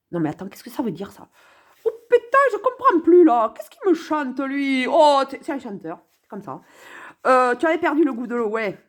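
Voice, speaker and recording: A woman giving casual, sarcastic commentary on a song, talking straight to the viewer and swinging between mutters and exclamations. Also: sits high. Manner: sarcastic, playful, talks to the viewer.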